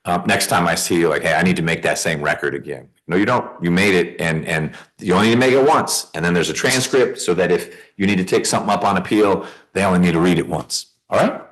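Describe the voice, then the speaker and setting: A man's voice: low-pitched, lively intonation, quick pace, few pauses. A man speaking as a judge, explaining procedure in a plain, conversational way and checking that he is understood. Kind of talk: informal courtroom explanation. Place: courtroom.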